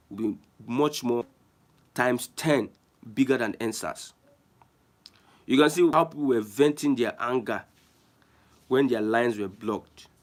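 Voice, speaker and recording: A Nigerian man hosting an online show, giving emphatic, repetitive political commentary and reading viewer comments. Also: mid-range voice. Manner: emphatic, repeats phrases, restarts often.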